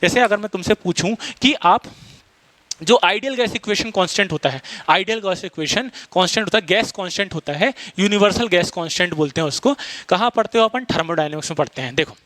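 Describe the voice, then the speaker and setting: A man teaches physics at a rapid clip, constantly quizzing his class. His voice sits fairly high for a man. The recording is close and dry. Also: animated, bright, forceful tone, dry recording. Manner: fast-talking, quizzes students, mixes Hindi and English terms. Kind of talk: classroom lecture.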